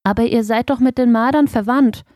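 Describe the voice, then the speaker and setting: A woman's voice: fairly high pitch, fairly quick, a little mellow, no echo, studio quality, voice pushed up, lightly acted. Woman playing a timid little toy truck boy. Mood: earnest. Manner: anxious, innocent. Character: small timid male toy truck, naive. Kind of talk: audiobook character voice.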